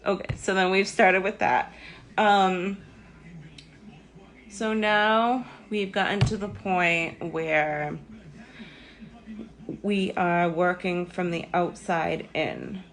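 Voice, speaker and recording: Speaking slowly with long pauses, this young woman has a lowish, slightly bright voice. She runs a live makeup tutorial from her home, rambling, poking fun at herself, and dropping plenty of ums and likes as she talks to viewers.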